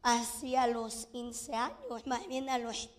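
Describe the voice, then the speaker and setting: A woman's voice: a little high, slow pace. A middle-aged woman giving an emotional church testimony, restarting phrases and slipping in English fillers. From Mexico. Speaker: testimony speaker to a congregation.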